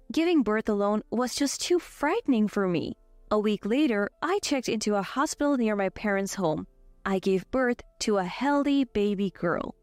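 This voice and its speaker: A woman in her twenties narrating a scripted first-person story with an even, steady delivery. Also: on the high side, no echo. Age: 20s.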